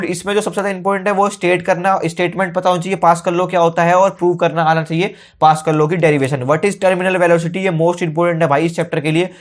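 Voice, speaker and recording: A young man teaching exam tips in a brisk, informal way, often saying okay. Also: sits high.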